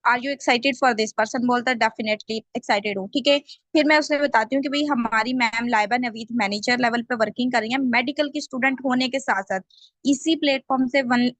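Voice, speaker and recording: A woman's voice: fairly high pitch, fairly even intonation, brisk, dry recording. A woman sales trainer on a video call, explaining step by step and often checking in with the group. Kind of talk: online team training call.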